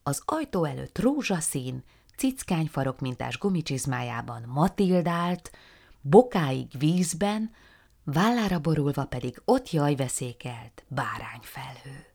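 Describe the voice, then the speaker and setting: A woman narrates a children's storybook in a soft, hushed, half-whispered way. Her voice sits low and carries a gravelly fry. The reading is gentle and even throughout.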